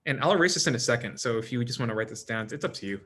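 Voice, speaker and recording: A man's voice: mid-range voice, animated, very fast, pushed and bright, slightly rough. Casual man lecturing a class. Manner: casual, quizzes students by name, frequent "right?" and "okay?". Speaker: anatomy instructor.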